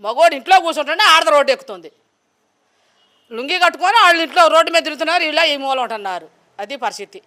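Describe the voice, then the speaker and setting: A woman's voice: high-pitched, lively intonation, quick pace, sharp tone. A woman from Andhra Pradesh answering a street interviewer, talking in a defiant, sarcastic and argumentative way. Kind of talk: street vox-pop interview.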